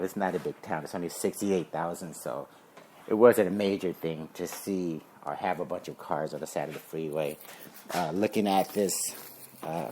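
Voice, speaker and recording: A man's voice: low voice, a little mellow, slight background noise. A man who owns a security business talks casually and rambles with little chuckles. He is a bit out of breath from wiping down his car outdoors. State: slightly out of breath while cleaning. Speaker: surveillance company owner. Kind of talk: casual promotional talk.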